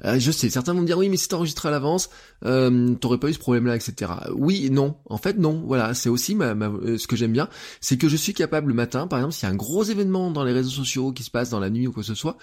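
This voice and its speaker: A man's voice: medium pitch, lively intonation, fast talker, a little mellow. A man in his thirties hosting a solo podcast, talking to listeners in a loose, conversational way with many fillers. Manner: conversational, full of fillers, addresses listeners directly. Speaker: podcast host. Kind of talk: casual solo podcast monologue.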